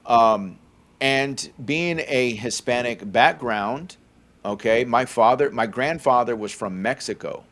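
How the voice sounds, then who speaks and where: A slow, slightly bright, medium-pitched voice belongs to a 40-something man from California. As co-host of a faith-focused podcast, he chats informally, sprinkling in plenty of fillers and often asking "okay?"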